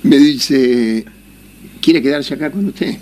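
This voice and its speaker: A man's voice: mid-range voice, slow, a crowd in the background. A man with an Argentine accent telling a casual anecdote, laughing often and acting out the voices of people in his story. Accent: Argentine Spanish.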